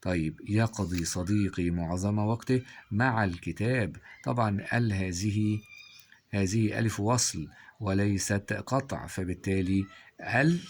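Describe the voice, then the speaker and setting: A male teacher with an Egyptian Arabic accent, walking through exam answers and prompting listeners with quick questions. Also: lowish voice, vocal fry, slight background noise. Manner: quizzing listeners with rhetorical questions. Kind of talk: exam review lesson.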